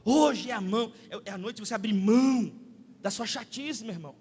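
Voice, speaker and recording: A man with a Brazilian Portuguese accent, a pastor preaching a sermon with lively, excitable humorous storytelling. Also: sits high, brisk, breathy edge. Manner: animated, excitable, acts out the people in his stories. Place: church hall. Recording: long church-hall reverb.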